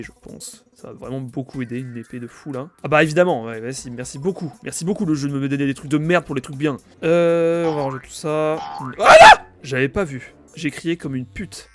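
A young man with a cold, commenting loudly on his own gameplay, swearing and yelping when enemies attack. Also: mid-range voice. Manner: excitable, swears a lot, yelps at enemies. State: has a cold. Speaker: gaming YouTuber.

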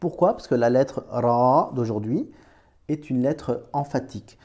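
Guy teaching arabic letters, mellow voice, talks to you like a buddy. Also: medium pitch, a little slow. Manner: chatty, addresses the learner as "tu", many restarts. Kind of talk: informal screen-recorded lesson.

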